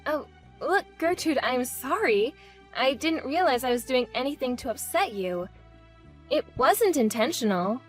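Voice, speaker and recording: A meek daughter-in-law, played by a woman in an audio drama, speaking in a high voice. She is polite, placating and keen to please, with faint music behind her. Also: very animated, unhurried. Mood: apologetic. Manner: apologetic, placating. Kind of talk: scripted audio drama acting.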